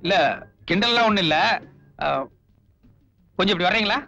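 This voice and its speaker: An actor playing a confident, wry thief in a film, talking in a chatty way. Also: male voice, high voice, moderate pace, gravelly, pushed and bright, heavily acted. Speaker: thief turned helper. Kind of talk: film dialogue. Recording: dull lo-fi film audio with music.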